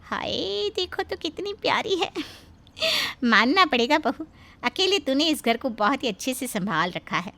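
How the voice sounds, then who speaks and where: A cunning middle-aged aunt-in-law in an animated story who flatters everyone to get her way. Her voice is high and bright, sugary with calculation. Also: a little slow, gravelly, exaggerated voice. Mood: flattering. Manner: honeyed, flattering.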